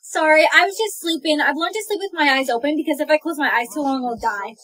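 A woman's voice: high-pitched, fast, a bit bright. A young woman acting in comedy skits, with dramatic, anxious outbursts. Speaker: skit creator.

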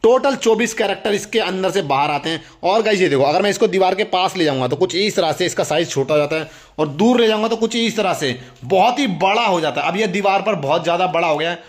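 A young man with a high voice hosts a casual toy review for viewers. Fast and with lively intonation, he sounds enthusiastic and exclamatory, often repeating his points as he demonstrates.

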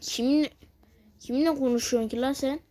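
A woman giving casual let's-play commentary, cursing, teasing and reacting loudly to the game. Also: sits high, steady tone, normal speed, noisy background. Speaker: gamer playing a video game.

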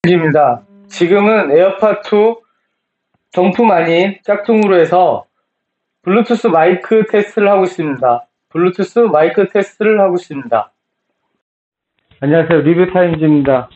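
A man's voice: high voice, animated, moderate pace, phone-quality sound. A middle-aged man presenting a product test in set, repeated announcing phrases, recorded on Bluetooth headset microphones. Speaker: product reviewer and host. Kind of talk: scripted-style product test presentation to camera. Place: plain small room indoors. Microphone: various Bluetooth earphone and neckband mics.

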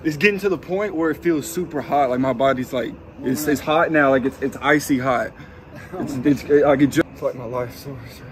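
A man's voice: medium pitch, normal speed. A young man speaking casually and in slang while sitting in ice cold water, saying bro a lot, recorded outdoors on a phone. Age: young adult. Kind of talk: casual vlog banter. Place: outdoors at night in a driveway. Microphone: phone camera a few feet away. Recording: outdoor phone video, faint background noise.

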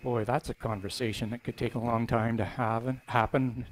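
An older man reading scripture aloud and preaching in a church sanctuary on a headset mic, voicing quoted lines with lifted pitch. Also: normal speed, slight background noise, low-quality recording. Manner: expressive reading, voices quoted lines higher; stands at the front holding a book, conversational preaching. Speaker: minister.

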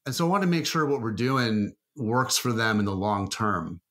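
Guy on a podcast, lowish voice, lots of "you know" and restarts. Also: moderate pace, a bit bright. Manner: rambling, many fillers and restarts. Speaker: marketing guest. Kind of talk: casual interview talk.

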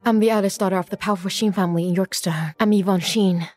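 An actress playing a childlike young wife who turns out to be a wronged heiress, speaking softly and pleadingly. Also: female voice, mid-range voice, steady tone, fast, natural voice. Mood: grim recall. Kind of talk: dubbed short drama acting.

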